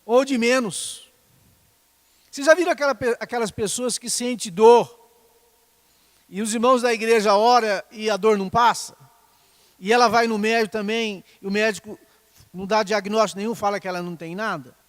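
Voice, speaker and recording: A man's voice: high-pitched, steady tone, normal speed, long pauses, dry recording. A middle-aged man preaching a sermon in a conversational way, often checking in with the congregation. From Brazil. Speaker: pastor.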